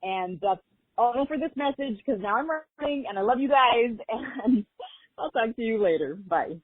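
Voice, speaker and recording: A woman's voice: a little high, moderate pace, husky. A woman from Long Beach, California, leaving a rambling, gushing voicemail message over a landline phone. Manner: gushing, excited and chatty. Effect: heard over a landline phone. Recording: tinny phone-line voicemail.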